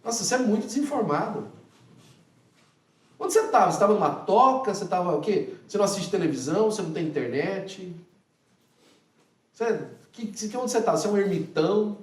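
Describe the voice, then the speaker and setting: Preacher doing an annoyed disciple guy, scoffing questions, highish voice, echoey and far off. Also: expressive, a little fast, long pauses. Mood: incredulous. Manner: incredulous, scolding rhetorical questions. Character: exasperated grieving male disciple, mocking.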